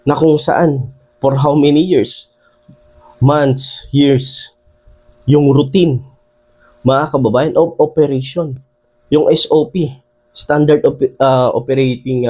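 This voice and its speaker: Filipino guy ranting about politics to his viewers, warm low-key tone, lots of "di ba?" style asides. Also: takes it slowly, pauses often, breathy edge. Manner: animated, addresses viewers often, frequent fillers and rhetorical questions. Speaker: political commentator. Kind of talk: casual political commentary.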